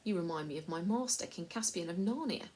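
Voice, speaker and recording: A woman's voice: on the low side, expressive, fairly quick, darkish tone, natural voice. A woman voicing a stern, commanding nobleman who speaks grimly.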